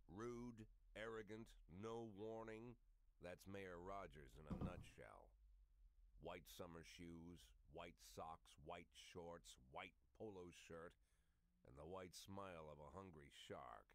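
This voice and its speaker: An older police chief in a noir video game, weary and sardonic. His voice is low, and he speaks in dry, terse, hard-boiled lines. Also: takes it slowly. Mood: wry narration.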